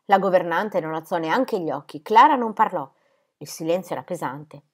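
A woman reading a children's novel aloud with dramatic, expressive delivery. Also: fairly low pitch, normal speed, husky. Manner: animated, dramatic. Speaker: reader.

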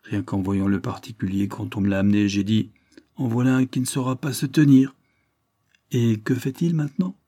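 A man's voice: medium pitch, fairly even intonation, normal speed, mellow, no room sound, studio quality, natural voice. A man putting on a smug gossipy prison guard. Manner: chatty, smug. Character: gossipy male prison guard, self-satisfied.

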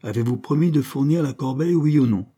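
A man's voice: medium pitch, lively intonation, normal speed, warm tone, husky, voice pushed up. A man reading the part of a scheming middle-aged suitor who talks brusquely and impatiently.

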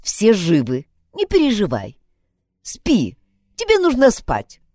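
Woman doing a stern hospital nurse, curt, insistent, lively pitch, dry close sound, audiobook. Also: takes it slowly, dry recording. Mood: flat, firm. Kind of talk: audiobook character voice.

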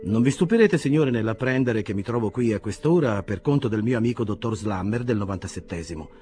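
A man's voice: fairly low pitch, expressive, brisk, dark tone, faint music behind, close to an everyday voice. A man voicing a stiff, formal army officer in a read-aloud novel. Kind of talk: audiobook character voice.

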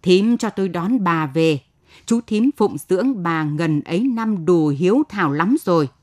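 A woman's voice: lowish voice, lively intonation, a little slow, a little mellow. A proud, stubborn older village man, a teacher, read by a woman narrator speaks bluntly and commandingly. He orders people about with no room for argument.

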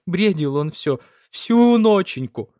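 A man voicing a tearful older peasant woman who laments in a high, sobbing voice. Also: takes it slowly, darkish tone, no echo, studio quality.

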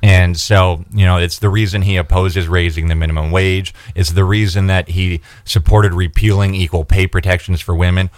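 Very deep-voiced candidate. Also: male voice, fairly even intonation, no room sound. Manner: earnest, measured, with fillers and restarts. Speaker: state senate candidate, studio guest. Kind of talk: radio interview, campaign talk. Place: radio studio.

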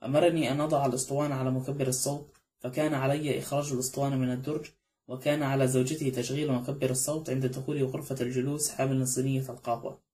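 In an audiobook, a man reads a nervous middle-aged butler who pleads and insists he knew nothing. The voice stays close to a plain reading voice, dark and mellow. He speaks quickly. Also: mid-range voice, level tone, lightly acted. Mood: pleading. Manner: pleading, swearing his innocence.

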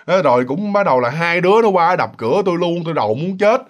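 Brief: man playing a mild older village man, low and confiding, weary from sleepless nights. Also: lively intonation, fast, natural voice. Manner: soft, confiding, subdued.

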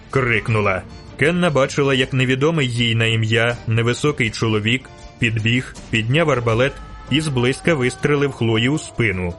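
A man reading a fantasy novel aloud as audiobook narrator, with measured, dramatic storytelling. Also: mid-range voice, fairly bright tone. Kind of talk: scripted narration.

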